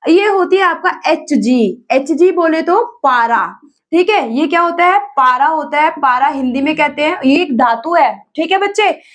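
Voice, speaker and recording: A woman with an Indian accent and a high voice teaches an exam-prep lesson, addressing her students as children. She asks them questions and answers them herself, mixing English terms into her speech.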